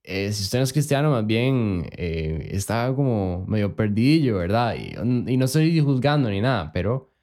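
A man's voice: lowish voice, lively intonation, moderate pace, darkish tone. A young man with a Costa Rican accent, reflecting in a laid-back way on a casual faith podcast, with slang and rhetorical questions. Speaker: podcast co-host.

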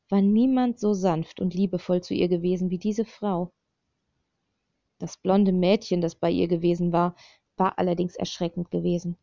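A woman's voice: fairly low pitch, vocal fry, no room sound. A woman narrating an audiobook in scripted narration, reading steadily, on a slightly dull, dry recording. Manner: steady, even reading of a dark thriller.

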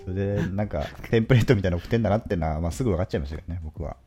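A man co-hosting a casual comedy podcast, telling a workplace story with deadpan delivery and crude self-mocking jokes. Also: low-pitched, rapid-fire, soft background music. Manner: deadpan, answers with flat "hai", crude self-deprecating jokes. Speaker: podcast co-host.

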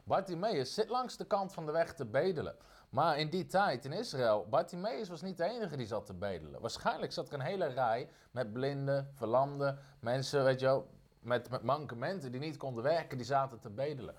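A man preaching a sermon, emphatic, repeating phrases and slowing down on key lines. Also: mid-range voice, animated.

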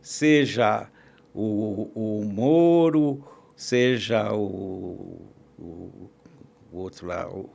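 A man with a gravelly, fry-tinged voice sits as a guest on a conversational podcast. He talks politics in an opinionated, rambling way, often breaking off and restarting his sentences. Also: on the low side, drawn-out words, a little mellow. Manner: talkative, opinionated, frequent restarts and fillers. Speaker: podcast guest, columnist and agribusiness consultant.

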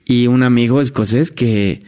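A man's voice: medium pitch, normal speed, mellow, smooth. A man with a Mexican accent, a guest telling stories in casual chat, full of tag questions and restarts. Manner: chatty, peppers speech with tag questions and restarts. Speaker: guest, former hotel entertainer.

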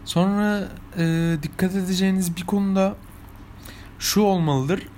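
A man's voice: on the high side, slight background noise. A young man from İzmir with an İzmir Turkish accent, telling anecdotes to his viewers in a chatty, casual way. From İzmir, Turkey. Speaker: vlogger. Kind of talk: casual storytelling monologue.

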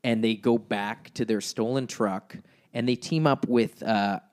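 A man's voice: on the low side, fairly even intonation, unhurried. A man co-hosting a casual movie chat, amused, asking questions and laughing often. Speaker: podcast co-host.

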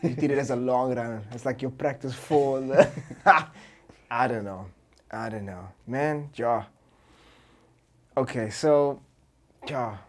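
A man's voice: medium pitch, slow pace, pauses often, a little hiss or hum. A man with a South African accent hosting a casual interview, colloquial, dropping in short questions and echoes. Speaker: podcast host.

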